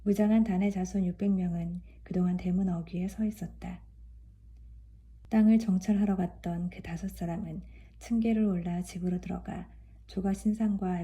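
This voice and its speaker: A woman reading scripture aloud in a calm, even way. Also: on the low side. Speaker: scripture reader.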